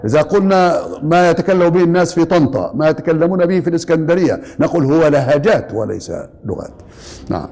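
A man teaching in a lecture, his voice a little high and gravelly. He explains patiently and says key words twice to drive them home. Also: animated, quick pace, darkish tone, in a large hall. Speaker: teacher of Arabic language.

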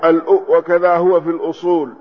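A man's voice: on the high side, fairly even intonation, brisk. A man giving a classroom lecture as a religious teacher, methodically explaining a text, spelling out word forms and repeating points as he goes. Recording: dull lo-fi recording.

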